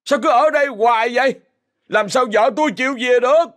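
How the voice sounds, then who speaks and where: A man's voice: lowish voice, moderate pace, no echo, clean studio sound, close to an everyday voice. A man voicing a drunken, bitter young husband who lashes out. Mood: angry drunk. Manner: slurring, lashing out.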